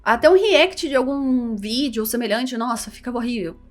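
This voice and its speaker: A woman's voice: fairly high pitch, moderate pace, faint music behind. Chatty Carioca woman vlogging. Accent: Carioca Portuguese. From Rio de Janeiro, Brazil. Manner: animated, chatty, self-deprecating. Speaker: VTuber and content creator. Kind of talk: casual vlog talk.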